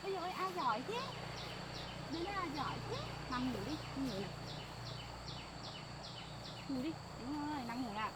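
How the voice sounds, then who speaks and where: A mother cooing softly to her small child in sing-song baby talk. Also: sits high, moderate pace, long pauses. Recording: loud insect and cricket noise outdoors.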